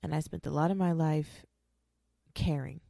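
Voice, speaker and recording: A woman's voice: low voice, steady tone, normal speed, gravelly, dark tone, dry recording, studio quality. A woman in her twenties, a mother speaking candidly and bluntly, swearing freely and hammering her points home. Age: 20s. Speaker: mother talking about her show. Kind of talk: candid monologue.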